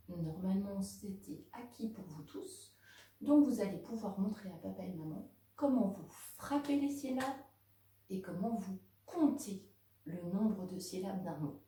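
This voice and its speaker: A woman teaching a home lesson to young children, speaking slowly and clearly to the kids and their parents. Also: medium pitch, mellow. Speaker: kindergarten teacher. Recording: very echoey room, voice from a distance.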